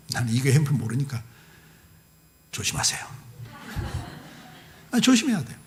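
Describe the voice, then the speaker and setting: Male preacher, fairly high voice with a very lively melody, storytelling sermon with acted-out dialogue and jokes. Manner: lively storytelling, acting out dialogue with humorous asides. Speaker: guest pastor. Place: church service.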